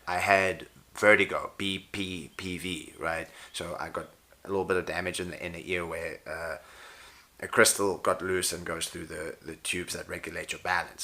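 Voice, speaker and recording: Deep and creaky, yet bright and forceful, his voice wears out quickly. He works as a pro wrestler and jiu-jitsu coach, and here he chats off the cuff to camera about his injuries in a wandering, dry-humored way, stopping to correct himself.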